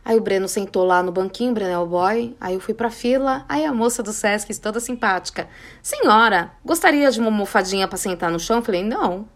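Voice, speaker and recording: Animated Brazilian woman telling a story. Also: mid-range voice, fairly quick. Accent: Brazilian, São Paulo area. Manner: animated, acts out quoted dialogue. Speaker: podcast host. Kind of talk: casual storytelling podcast.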